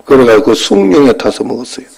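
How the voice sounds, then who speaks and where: A pastor in his fifties preaching a sermon and telling a personal story in a conversational way. His voice jumps from loud bursts to quiet asides. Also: mid-range voice, expressive, fast, gravelly, slightly rough, low-quality recording.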